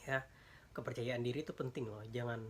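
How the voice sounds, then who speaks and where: A man's voice: mid-range voice, steady tone, fairly quick, slight background noise. A young man giving a casual class presentation, explaining ideas with many fillers and restarts. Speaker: student presenter.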